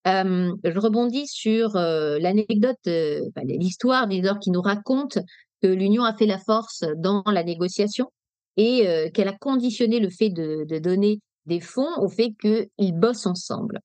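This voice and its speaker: French woman from Nice, negotiation coach, lively and direct, dry close sound. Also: mid-range voice, a little slow, no echo. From Nice, France. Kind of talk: webinar talk. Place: webinar, dry room.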